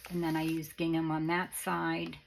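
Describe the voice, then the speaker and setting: A woman giving a casual, halting show-and-tell as a craft presenter, with a raspy, worn voice that is starting to go. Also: low-pitched, completely flat delivery, slight background noise. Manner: halting, rambling, informal. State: voice starting to go after illness.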